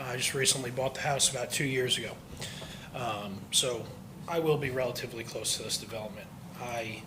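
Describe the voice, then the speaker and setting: A man speaking at public comment in a council meeting, calm, measured and polite. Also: mid-range voice, noisy background.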